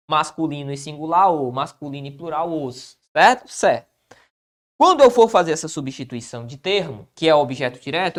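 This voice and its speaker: A man teaching a Portuguese lesson for exam prep, lively, with frequent tag questions he answers himself and words drawn out slowly for emphasis. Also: fairly high pitch. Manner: asks and answers his own tag questions.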